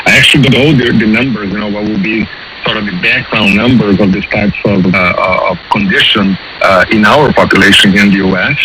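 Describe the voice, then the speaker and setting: Halting low-voiced male expert, very noisy feed. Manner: hesitant, halting, searching for words. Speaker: virology professor, interview guest. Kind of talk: explanatory radio interview.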